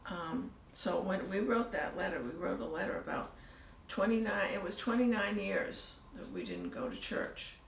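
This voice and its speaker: Creaky soft-spoken older woman. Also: medium pitch, big pitch swings, moderate pace, hardly any pauses, a little hiss or hum. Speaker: church newcomer telling her story. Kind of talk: casual storytelling interview. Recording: echoey room, mic at a distance, faint ambience.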